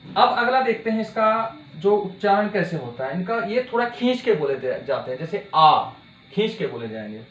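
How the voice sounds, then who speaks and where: High-voiced male teacher in an echoey room. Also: sing-song, fairly bright tone. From India. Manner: repeats key words slowly and asks the class questions. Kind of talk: exam-prep Hindi grammar lesson at a board. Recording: dull, echoey room with faint hiss.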